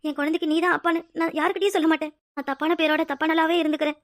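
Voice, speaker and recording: A woman's voice: high voice, flat delivery, racing, dry recording, clean studio sound, lightly acted. A woman voicing a heartbroken, abandoned pregnant young woman in a cartoon drama. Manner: pleading, tearful. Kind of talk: cartoon voice acting.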